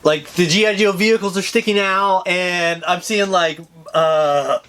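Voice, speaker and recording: A young man, a toy collector, telling a story in an excited, rambling way with lots of fillers and casual swearing. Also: high-pitched, a little slow.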